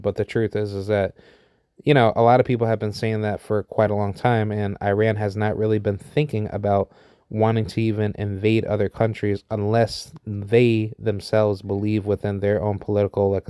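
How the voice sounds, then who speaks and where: A man's voice: on the low side, mellow, clean tone, no room sound, clean studio sound. A man in his thirties from the United States giving an unscripted opinion monologue. He rambles, with many fillers and restarts. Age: 30s. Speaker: vlogger sharing opinions.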